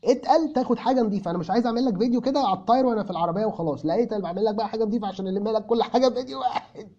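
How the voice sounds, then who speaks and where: Egyptian male English teacher, casual Q&A, quick high voice, dull lo-fi sound. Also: warm tone. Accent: Egyptian Arabic. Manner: answers viewers by name, switching between Arabic and English phrases. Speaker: English teacher answering viewer comments. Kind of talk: casual chat. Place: in a car.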